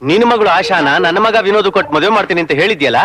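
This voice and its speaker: A man's voice: high-pitched, fast talker, natural voice. An actor playing a shrewd businessman and father who talks persuasively, in a film scene. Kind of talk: film dialogue.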